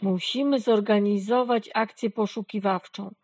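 A woman's voice: medium pitch, steady tone, moderate pace, a little mellow, no room sound, close to an everyday voice. A woman doing Reksio, a brave leader dog. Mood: decisive. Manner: decisive and reassuring.

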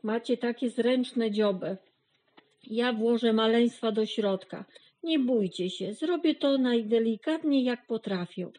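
A woman's voice: fairly high pitch, unhurried, warm tone, poor audio. A woman voicing an eager, friendly young male dog who leads the farm animals in a storybook reading. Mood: eager, bossy.

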